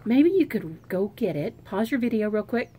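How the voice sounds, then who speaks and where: A woman, a preschool teacher, reading a picture book aloud to young children in an animated, expressive way, with hushed asides, recorded on a phone camera. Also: medium pitch, moderate pace, slight background noise.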